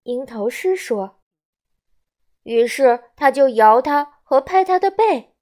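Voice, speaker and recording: Bright-voiced woman reading a storybook. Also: sits high, animated, slow pace. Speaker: children's storyteller. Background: soft music.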